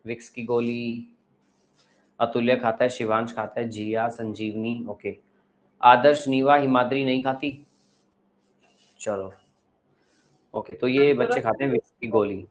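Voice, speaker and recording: A man's voice: mid-range voice, steady tone, a little slow, long pauses. A male teacher lecturing a class, asking the pupils questions and giving advice.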